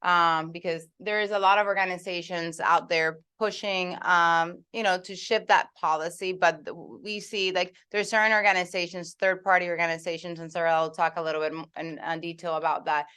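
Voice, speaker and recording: A woman moderating a panel discussion, speaking with frequent fillers and pauses. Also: on the low side, steady tone, pushed and bright, clear, resonant tone. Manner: many fillers, thoughtful pauses. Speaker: policy fellow and moderator.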